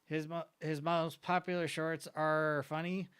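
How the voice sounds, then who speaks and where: Male streamer, casual self-mocking chat, bright clean tone, faint wheeze. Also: a little high, flat delivery, measured pace, clean tone. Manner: joking, self-mocking, rambling. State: slight wheeze. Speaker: streamer reacting to videos.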